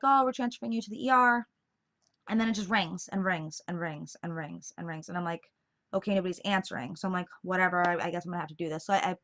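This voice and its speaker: A young woman vlogger casually telling a personal story in a chatty, animated way, full of fillers. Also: on the low side. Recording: dull lo-fi sound.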